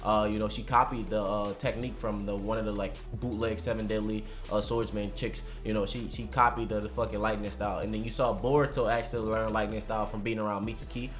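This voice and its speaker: A man's voice: fairly low pitch, level tone, quick pace, hardly any pauses, faint music behind. A man giving casual, unscripted preview commentary and predictions, talking in a slangy, conversational way and swearing freely. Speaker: anime commentary vlogger.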